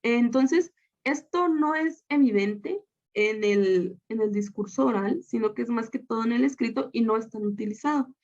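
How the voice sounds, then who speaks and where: A woman from Guatemala teaches a recorded lesson over slides, her voice set a little high. She explains step by step, often pausing on fillers and restarting her sentences. The audio is slightly dull and lo-fi. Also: darkish tone. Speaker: student teacher.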